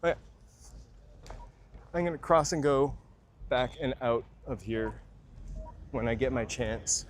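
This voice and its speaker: Slightly winded from walking, this livestreamer speaks slowly in a mid-range voice, pausing often. It's a casual live walking vlog of a city stroll, full of rambling asides to his viewers, with faint street noise in the background.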